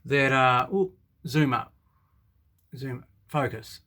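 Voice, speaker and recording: Speaking slowly in a mid-range voice over a noisy background, this New Zealand man reviews radios as a hobby. He's indoors at his home workbench, rambling and thinking out loud through a casual, hands-on demonstration.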